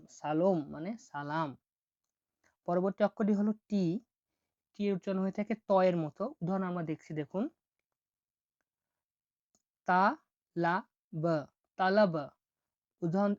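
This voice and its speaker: A woman teaching a language lesson, slowly repeating each example word several times. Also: lowish voice, dark tone, no echo, muffled recording.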